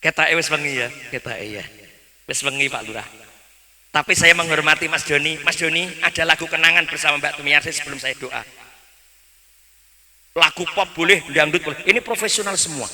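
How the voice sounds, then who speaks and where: A man with a Javanese accent gives a humorous sermon on stage at a celebration. His voice sits a little high and rings bright and forceful. A long hall reverb trails each phrase. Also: brisk. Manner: jokey, switches between preaching and banter with the audience and band. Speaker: preacher.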